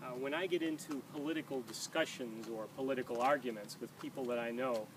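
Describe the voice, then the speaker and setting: A man in his sixties speaking earnestly while walking around an outdoor track, pausing often with "uh". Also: mid-range voice. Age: 60s. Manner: earnest, measured, with frequent "uh" pauses. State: talking while walking backward. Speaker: founder of a peace walking movement. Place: outdoor running track by traffic. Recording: distant outdoor mic with loud traffic noise.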